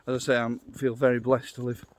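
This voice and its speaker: A man's voice: mid-range voice, flat delivery, fast talker. A middle-aged man with a Yorkshire accent, narrating a casual walking vlog outdoors into a handheld phone in a chatty, down-to-earth way, thinking aloud. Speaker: vlogger, walking guide. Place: outdoors on a wooded trail. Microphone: phone held at arm's length.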